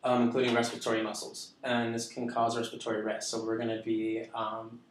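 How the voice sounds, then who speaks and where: A man playing a calm clinician who explains a procedure to a patient haltingly, stumbling over technical terms. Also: mid-range voice, slight background noise, natural voice. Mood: calm, explanatory. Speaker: clinician in a student case-study skit. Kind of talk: halting explanatory role-play. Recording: echoey room, distant mic.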